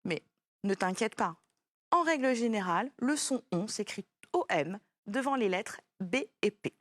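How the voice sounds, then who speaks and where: A woman's voice: medium pitch, lively intonation, a little slow, a bit bright, dry recording. A woman teaching a child French spelling, patiently spelling words out letter by letter.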